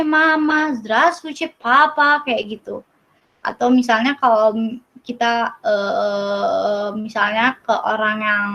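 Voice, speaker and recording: A young woman with an Indonesian accent teaching a casual online Russian class over a video call, with fillers and apologies, repeating words slowly for learners. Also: a little high, fairly bright tone, rough recording. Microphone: computer mic on a video call.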